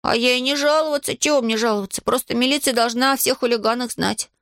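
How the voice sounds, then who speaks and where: Woman putting on a lazy whining schoolboy, high and pleading, storybook. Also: quick pace, a bit bright, no echo, clean studio sound. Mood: sly grumbling. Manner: whiny, wheedling, feigns weakness. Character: lazy cunning schoolboy, whiny and stubborn. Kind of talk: audiobook character voice.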